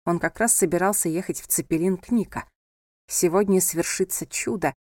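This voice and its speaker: A woman narrating a story in an even, storytelling manner. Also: lowish voice, moderate pace, dry recording, clean studio sound. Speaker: audiobook reader. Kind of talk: scripted narration.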